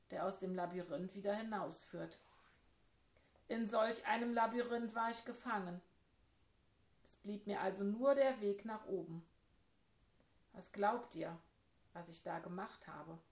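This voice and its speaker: A woman reading a children's story aloud, speaking clearly and addressing young listeners. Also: medium pitch, roomy sound. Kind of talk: scripted narration for children.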